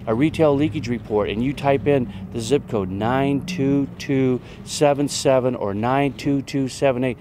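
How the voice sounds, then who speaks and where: A man's voice: mid-range voice, unhurried, few pauses, noisy background. A man in a promotional interview, talking earnestly and persuasively.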